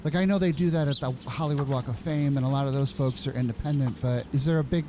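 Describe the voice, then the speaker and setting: Male host, casual comic interview, hesitant, stammering, bemused, medium pitch, noisy ambience. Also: fast. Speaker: show host.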